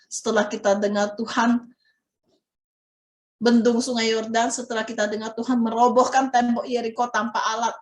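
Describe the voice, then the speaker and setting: Lively woman telling a Bible story to children. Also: a little high, reverberant. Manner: animated, asks children questions, dramatic exclamations. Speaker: Sunday school teacher.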